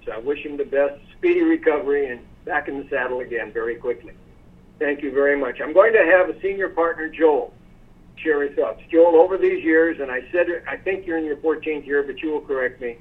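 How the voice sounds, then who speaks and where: A man hosting a sales conference call, praising his team effusively and giving a motivational talk. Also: a little high. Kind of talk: casual motivational speech. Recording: tinny phone line.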